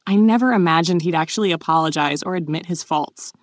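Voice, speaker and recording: A woman reading the part of a flustered, playful young noblewoman in a bright, raised voice. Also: lowish voice, fast, dry recording, studio quality, lightly acted.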